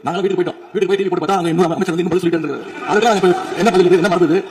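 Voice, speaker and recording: Man, fast protesting objections, raised voice. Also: high-pitched, steady tone, background noise. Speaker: opposition member. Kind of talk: debate objection. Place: legislative assembly chamber.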